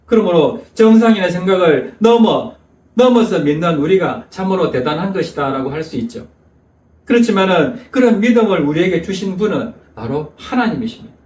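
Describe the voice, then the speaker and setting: A man's voice: high voice, lively intonation, fairly quick, a little mellow, recorded from a distance. A male pastor preaching a sermon with emphatic storytelling, heard in an echoey church hall. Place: church sanctuary.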